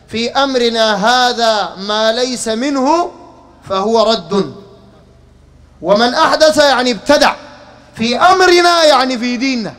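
A man's voice: high voice, fairly bright tone. A man with a Sudanese Arabic accent giving a public religious lecture. He talks rhetorically, fires questions at the crowd and keeps calling for their attention.

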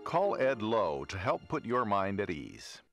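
A man reading a radio insurance ad in a smooth pitch-man manner, taped off the radio. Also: very animated, a little slow, music in the background. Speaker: ad announcer. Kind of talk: radio ad voice-over.

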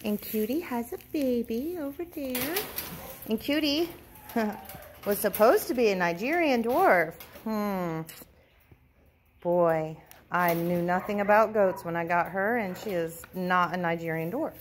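Taking her time, a woman with a medium-pitched voice narrates a casual farm tour outdoors on a phone camera she carries as she walks. She's chatty, coos sweetly to the animals, and isn't certain about their breeds. Slight background noise is present.

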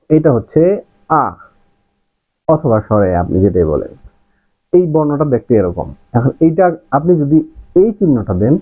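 A male primary school teacher, introducing a video lesson in a friendly way and checking in with viewers. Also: medium pitch. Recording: tinny phone-like lo-fi sound.

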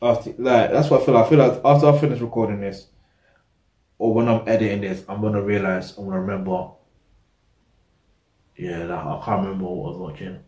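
A man's voice: on the low side, fairly even intonation, brisk, long pauses, dark tone. A young man, hosting a reaction video, talking casually to the camera in a small room, rambling and losing his train of thought. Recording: roomy echo.

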